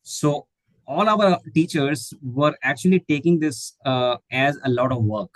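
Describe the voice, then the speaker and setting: Answering webinar questions online, this guest speaker is an English teacher trainer, a middle-aged man from India who grew up speaking Hindi. He talks at a measured pace in a mid-range voice, stumbling through fillers and restarts. The audio has no echo but is low in quality.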